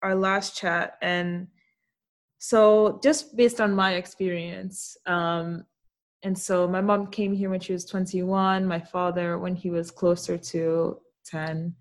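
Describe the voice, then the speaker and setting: A young woman podcast host speaks slowly in a lowish voice with little pitch movement. The interview is casual and conversational, and she sounds reflective and thoughtful, laughing easily.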